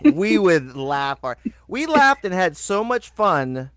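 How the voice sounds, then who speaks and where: A man co-hosting a podcast, telling road stories in casual, profane chat and acting out quotes. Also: slow. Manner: animated, swears freely, acts out quotes in a higher voice. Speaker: podcast co-host.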